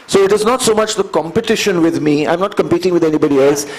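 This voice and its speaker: Slightly high-voiced Indian man in his fifties. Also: a little mellow, poor audio. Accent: Indian English. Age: 50s. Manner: earnest and measured, building points by repeating phrases. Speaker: guest, endurance athlete. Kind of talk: conversational storytelling interview.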